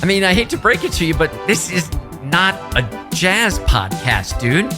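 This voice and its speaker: A man co-hosting a podcast in casual chat, animated and quick to laugh. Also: music in the background. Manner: animated, laughs often, swoops up in pitch. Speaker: podcast co-host.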